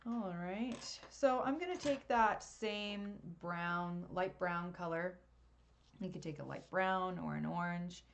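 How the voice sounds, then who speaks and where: Woman, lowish voice, chatty live art lesson, webcam mic. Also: takes it slowly, vocal fry. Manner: chatty, laughs at herself. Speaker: art teacher. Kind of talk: live drawing tutorial.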